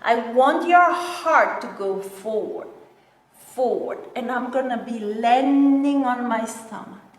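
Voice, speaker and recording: A woman working as a Pilates instructor, guiding a mat class with step-by-step cues and counts in a gentle, encouraging manner. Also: on the high side, slow pace. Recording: very echoey, reverberant room, distant mic.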